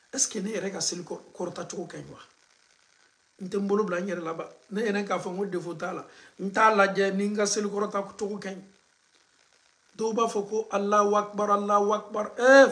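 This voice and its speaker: A man, an imam teaching the call to prayer and drilling its pronunciation through slow repetition. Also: sits high, a bit bright. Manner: switches between French and Bambara, drills pronunciation by slow repetition. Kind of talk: religious lesson.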